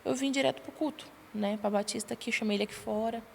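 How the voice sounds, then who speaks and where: A young adult woman, a podcast guest, tells her personal testimony in a lively way and acts out the dialogue she quotes. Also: a little high, fast, gravelly. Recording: long reverb, faint background noise.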